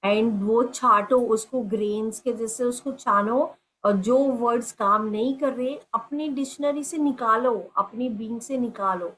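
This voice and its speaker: A middle-aged woman giving a gentle spiritual talk as a meditation teacher, slow and teacherly, full of everyday examples. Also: on the high side, poor audio. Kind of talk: spiritual talk mixing Hindi and English.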